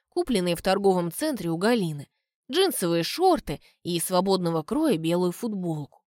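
A woman's voice: medium pitch, a little mellow, no echo. A woman narrating an audiobook in the first person, reading expressively. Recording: dry close recording.

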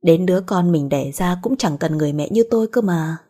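A woman's voice: fairly low pitch, animated, fairly quick, warm tone. A woman voicing a bitter middle-aged mother who talks coldly and reproachfully. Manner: cold, reproachful.

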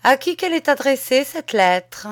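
A woman's voice: high-pitched, moderate pace, no echo, studio quality, voice pushed up. A woman reading a storybook, voicing a blunt former soldier who now works as a village postman and speaks in a firm, rustic way. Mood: wary. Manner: rustic speech, calm and firm.

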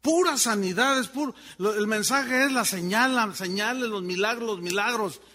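A man's voice: moderate pace, long reverb tail. A man preaching a sermon, telling a story and acting out the voices of the people in it. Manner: animated storyteller acting out voices, wide swings in pitch and volume. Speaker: pastor.

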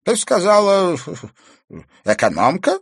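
A shrill, blustering old man snaps and grumbles in a raised, cranky voice, as a male narrator puts him on. His pitch leaps about as he bristles with suspicion. The sound is close and dry. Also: wildly swooping pitch, slow pace, vocal fry, slightly rough, no room sound, full character voice. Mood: angry. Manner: irritable, loud and blustering. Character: grumpy, cunning old man, easily angered.

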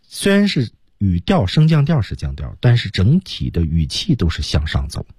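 A man teaching English on the radio with a husky, lowish voice and very lively pitch. He explains pronunciation step by step. The recording is dry and close. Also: moderate pace, no echo.

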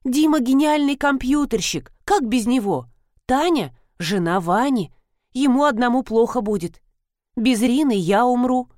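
A woman's voice: on the high side, animated, a little slow, a little mellow, no echo, studio quality. A woman reading an audiobook, voicing an earnest middle-aged housekeeper explaining a plan plainly.

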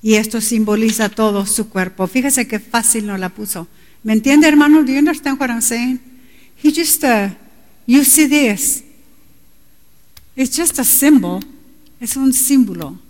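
A woman's voice: on the high side, a little slow, pauses often, darkish tone. A middle-aged woman preaching a sermon with passion, her voice climbing to cries at times. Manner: impassioned, rising to cries at times. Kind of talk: bilingual sermon. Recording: long reverb in a large hall.

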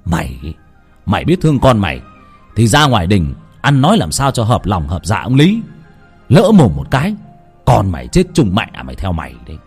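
Brutal soldier, harsh menacing threats, low voice, done by the storyteller. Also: male voice, huge pitch swings, moderate pace, a little mellow, slightly rough, soft background music, full character voice.

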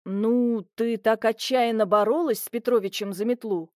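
A woman voicing a calm, easygoing young man who coaxes and soothes in an audiobook. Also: a little high, moderate pace, no room sound, clean studio sound, close to an everyday voice. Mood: coaxing. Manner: placid, coaxing. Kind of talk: audiobook reading.

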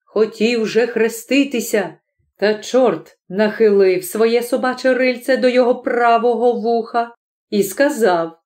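A woman narrates a classic tale with an expressive, lively delivery. Her voice is slightly high. She reads at an unhurried pace. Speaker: audiobook narrator. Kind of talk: storytelling narration.

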